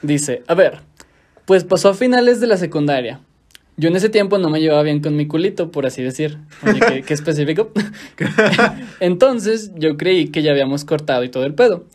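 A young man with a Mexican accent, co-hosting a casual podcast, joking and reading out listener stories in a relaxed, slangy way. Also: on the high side. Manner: laid-back, joking, slangy, reads listener stories aloud. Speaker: podcast co-host. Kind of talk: casual chat.

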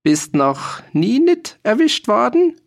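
A man voicing a shrill, scrawny, mocking old male peasant in an audiobook reading. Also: huge pitch swings, vocal fry, heavily acted. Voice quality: shrill, screeching. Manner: taunting, drawn-out questions.

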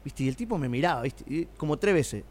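A middle-aged man with an Argentine accent, a circus owner telling lively stories in a casual interview. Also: on the high side. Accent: Argentine Spanish. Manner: animated, rapid storytelling. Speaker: circus owner and former announcer.

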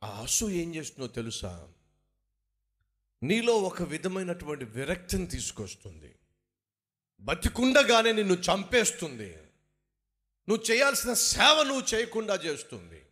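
A man's voice: high-pitched, normal speed, pauses often. A man preaching a sermon, firing rhetorical questions and acting out the words of biblical figures. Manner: animated, rhetorical questions, acts out biblical speakers. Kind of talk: Telugu sermon.

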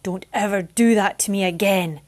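A woman's voice: lowish voice, fairly even intonation, brisk, darkish tone, lightly acted. A woman reading a storybook aloud and voicing a stern, possessive winged man who speaks in a commanding, clipped way.

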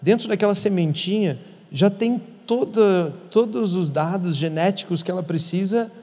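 A man's voice: sits high, normal speed, darkish tone, slightly rough. A man who is a pastor, teaching in an earnest conversational way and repeating words for emphasis. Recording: long hall reverb.

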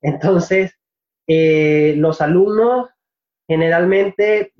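A man from Venezuela with a high voice talks about teaching Spanish in a relaxed interview. He is reflective, often pauses to find the right word, and laughs easily. The recording is dull and lo-fi. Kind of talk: casual interview answers.

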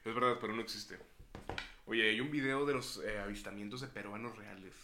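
A man's voice: lowish voice, fairly even intonation, fairly quick, sharp tone. A young man co-hosting a podcast, joking in crude banter and often trailing off. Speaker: podcast co-host.

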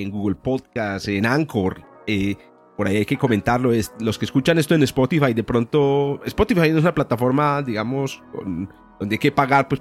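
A male podcast host with a mid-range voice. He chats and explains science informally, like a professor, with faint music behind him. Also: medium pitch. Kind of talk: casual, educational science chat.

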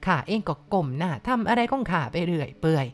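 A blunt old village grandmother, put on by a woman storyteller, talking slowly and plainly in a low, folksy way. The voice sits fairly low for a woman and drags out its words, as in a spoken ghost storybook. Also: animated, close to an everyday voice. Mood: musing.

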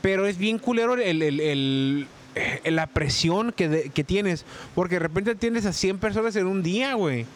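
A man's voice: high-pitched, moderate pace, a little hiss or hum. A young man, a podcast guest telling stories in casual, slangy chat and laughing often. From Mexico. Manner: animated storyteller, heavy slang, laughs often.

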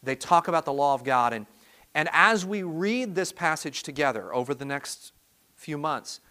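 A man preaching a sermon from the pulpit, earnest and searching for his words, stumbling and restarting often. His voice sits a touch high for a man. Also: sharp tone. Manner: earnest, halting with repeated restarts. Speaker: pastor.

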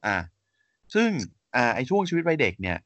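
A man's voice: mid-range voice, a little fast, no echo. Hesitant man with slightly muffled sound. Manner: steady fact-reading, with frequent hesitant fillers and polite endings. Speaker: podcast co-host. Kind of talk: casual podcast chat. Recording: slightly dull muffled audio.

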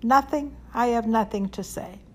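Woman playing a meek, soft-spoken holy man. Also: on the high side, normal speed, voice pushed up, natural voice. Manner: soft, meek, few words. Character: humble quiet male holy man.

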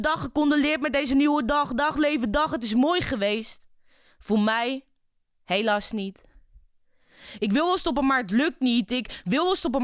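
Dutch woman poet, intense rhythmic spoken word, slightly high pitch, dry close recording. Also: no echo. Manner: intense rhythmic recitation with repeated refrains. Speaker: poet guest.

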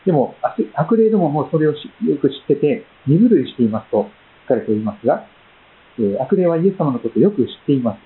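A man preaching a sermon as pastor, reading scripture and praying in a measured, gentle way with frequent pauses and fillers. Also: a little high, big pitch swings. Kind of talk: sermon with Bible reading and prayer. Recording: tinny phone-like sound.

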